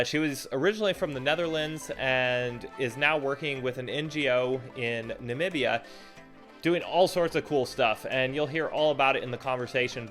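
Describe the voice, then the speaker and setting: A man's voice: medium pitch, fairly bright tone. Enthusiastic man hosting a podcast. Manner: enthusiastic, chatty. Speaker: podcast host. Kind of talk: casual podcast chat.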